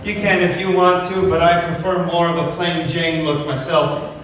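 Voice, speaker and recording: A man's voice: fairly high pitch, flat delivery, moderate pace, fairly bright tone, close to an everyday voice. A man playing a fussy, envious character bickering over wedding finery in a comedy sketch. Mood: agreeable. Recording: echoey hall, distant microphone, faint noise.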